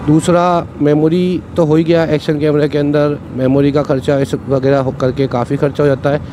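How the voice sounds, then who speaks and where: Riding a motorcycle on city roads, a young male moto vlogger talks in a slightly high, dark-toned voice with little pitch movement and a moderate pace. His casual, explanatory chatter, full of repeated "ठीक है", goes into a cheap wired mic he wears, and outdoor traffic noise fills the recording.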